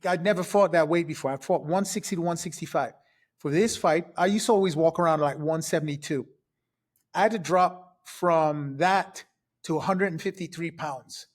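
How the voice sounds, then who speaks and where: A man in his fifties from Trinidad, a podcast guest telling his past in a casual, lively way, step by step. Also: a little high. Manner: lively, recounts events step by step. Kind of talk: casual storytelling.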